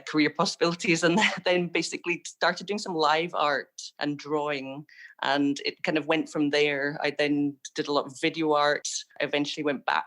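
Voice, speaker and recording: A woman's voice: sits low, a bit bright. A woman from Scotland, a visual artist, answering interview questions in a thoughtful, hedging way with many fillers.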